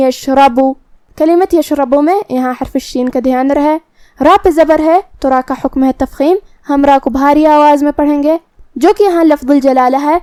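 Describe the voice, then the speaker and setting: A woman teaching Quran recitation rules, explaining each word and then reciting slowly. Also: high-pitched, darkish tone, no room sound. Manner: slow, drawn-out recitation between plain explanations. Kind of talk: tajweed lesson with slow recitation.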